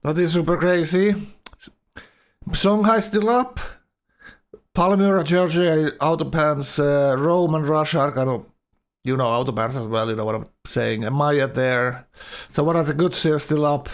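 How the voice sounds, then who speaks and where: On the high side, this man's voice drifts loosely through commentary on a streamed gaming tournament. He's halting and rambling, and a numb mouth makes his speech slightly awkward.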